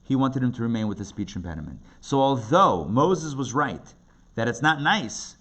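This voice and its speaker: Very animated and a bit bright, this mid-range male voice moves at normal speed as a rabbi teaches a class indoors. He breaks down commentaries in plain talk, hammering phrases through repetition and asking rhetorical questions of the participants. Background noise fills the live classroom recording.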